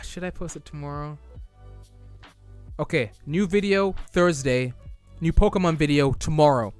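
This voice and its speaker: A young man live-streams, reading viewer chat aloud and answering it casually, chatty and prone to loose restarts. His voice is on the high side, clear and resonant, but it's wearing out from the long stream.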